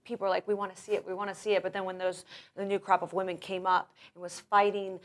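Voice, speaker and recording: A woman's voice: mid-range voice, little pitch movement, fast. A woman in her thirties, who grew up in Russia, is interviewed as a professional wrestler, speaking enthusiastically and rambling with many restarts. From grew up in Russia, born in Florida. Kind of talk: casual interview.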